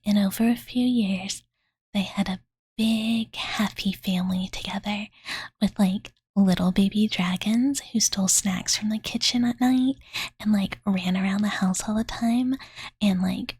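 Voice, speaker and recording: A woman whispers an ASMR roleplay as a possessive, affectionate young dragon girl telling a bedtime story, her soft, breathy voice close to a studio condenser mic with no room sound. Her pitch is medium and her intonation fairly even, with a slightly slow pace. The mood is cozy and dreamy, and her manner is cutesy, casual, doting, cozy, and laden with fillers.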